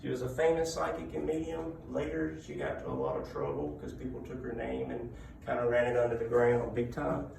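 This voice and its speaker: Male live storyteller, conversational ghost-legend talk with dramatic pauses; creaky voice, distant in a very echoey room. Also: medium pitch, expressive. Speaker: public speaker telling local ghost stories. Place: indoor room at a library talk. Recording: echoey room from afar, background noise.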